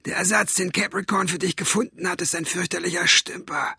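A man voicing a sneering male henchman with a rough, raspy voice. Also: high voice, steady tone, fairly quick, sharp tone, no room sound, studio quality, voice pushed up, full character voice. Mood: mocking. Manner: mocking, taunting.

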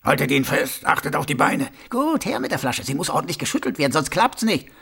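Rough, menacing city guards in a storybook, their voices high and jeering, as a male reader does them. They speak quickly and keep a gravelly edge. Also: very animated, a bit bright, heavily acted. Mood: mocking threat. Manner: taunting, brusque.

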